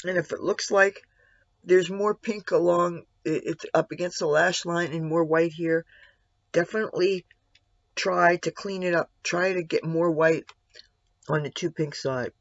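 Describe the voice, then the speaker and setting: A man with a slightly gravelly voice giving a casual makeup tutorial, narrating each step and adding candid asides. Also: a little high, steady tone, a little slow, fairly bright tone, no echo. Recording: dull, lo-fi sound.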